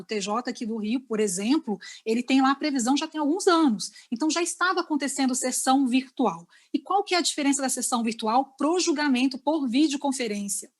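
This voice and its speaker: A woman with a Brazilian accent giving an online lecture to lawyers, explaining step by step and often checking in with her listeners over a video call. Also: high-pitched. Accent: Brazilian Portuguese.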